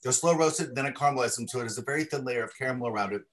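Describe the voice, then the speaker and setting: A man's voice: medium pitch, rapid-fire. A man who makes chocolates describing his products in an eager, detailed, casual way on a livestream video call. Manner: enthusiastic, descriptive, with frequent restarts. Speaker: chocolatier, guest.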